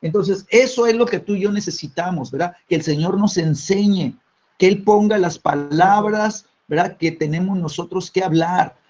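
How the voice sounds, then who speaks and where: A man's voice: high-pitched, normal speed, a little mellow. A man preaching a sermon, dropping tag questions after nearly every phrase and repeating words as he restarts. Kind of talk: sermon teaching. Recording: dull lo-fi recording.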